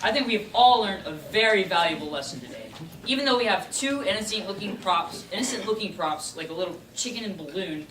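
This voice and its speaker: A woman's voice: medium pitch, animated, fairly quick, background noise, close to an everyday voice. A young woman playing a chipper emcee who breaks up a fight, with an upbeat, scolding-teacher tone. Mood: chiding. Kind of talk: high school stage comedy. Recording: distant stage mic, echoey hall, crowd.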